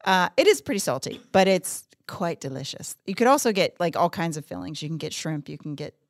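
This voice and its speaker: A woman's voice: lowish voice, expressive, brisk, no room sound. A middle-aged woman with a Pittsburgh accent, chatting casually and playfully with a group.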